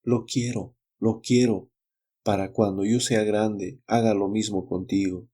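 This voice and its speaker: A man's voice: fairly low pitch, level tone, measured pace, mellow, slightly rough. A man voicing a small boy in a storybook reading, insistent and repeating himself. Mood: pleading.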